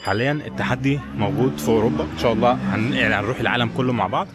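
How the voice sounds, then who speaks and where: This travel vlogger, who has an Egyptian Arabic accent, chats very fast to viewers in a medium-pitched voice as he walks, mostly outdoors, around a tourist village. Voices of people in the crowd can be heard in the background.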